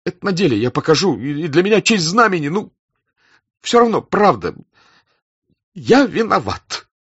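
List: man playing young officer, flustered, stammering, pleading, pitched up high, husky, dull recording. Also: lively intonation, takes it slowly, bright, forceful tone, no room sound, exaggerated voice. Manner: pleading, stammering, near tears. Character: young male count officer, flustered, proud.

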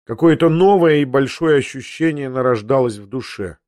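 A man reads a literary novel aloud in the first person, measured and reflective. His voice is mid-pitched and recorded dry and close, with no room sound. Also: lively intonation, a little mellow, no room sound. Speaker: audiobook narrator.

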